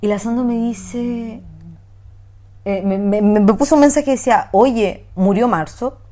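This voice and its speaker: A young woman with a Chilean Spanish accent, telling a story in animated, slang-heavy casual chat. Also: on the high side, measured pace.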